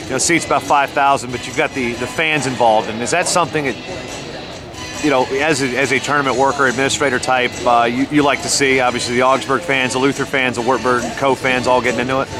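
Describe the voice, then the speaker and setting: A man's voice: mid-range voice, steady tone, fast, over music. A man conducting a conversational sports interview on site, putting questions to his guest. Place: at a championship venue.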